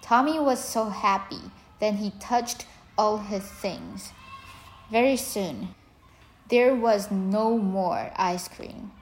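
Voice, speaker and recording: Woman reading a kids story out loud, slow and careful, mid pitch. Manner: slow, clear and deliberate reading. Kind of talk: children's story narration.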